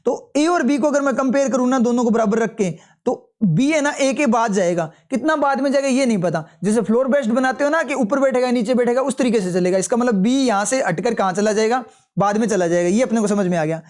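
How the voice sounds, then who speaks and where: A man's voice: very high-pitched, a little fast, darkish tone. A man teaching English for exam prep, going through test answers step by step and asking and answering his own questions, with Hindi explanations mixed with English terms. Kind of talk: live test solution walkthrough.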